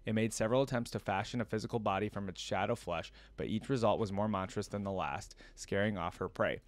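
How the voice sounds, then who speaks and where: A young man with a fairly low voice and quick pace hosts a reaction video from an indoor home streaming setup. He's casual and conversational, commenting and reading things aloud while he thinks them through.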